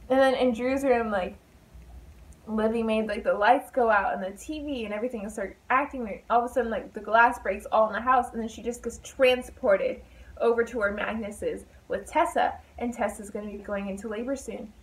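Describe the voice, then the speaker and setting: A woman's voice: fairly high pitch, fairly even intonation, fairly quick, poor audio. A young woman chatting casually as a book vlogger, full of fillers and asides.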